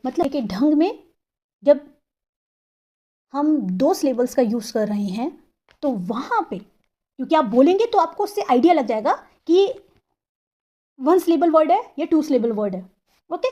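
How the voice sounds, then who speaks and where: A woman teacher explaining English grammar, asking herself questions and sounding out words slowly, syllable by syllable. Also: high voice, dark tone. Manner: asks and answers her own questions.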